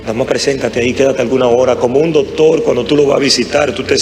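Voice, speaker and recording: A man's voice: mid-range voice, level tone, fast talker, a little mellow. A man preaching a live sermon to a congregation in an impassioned, conversational way. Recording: sermon with music behind. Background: music.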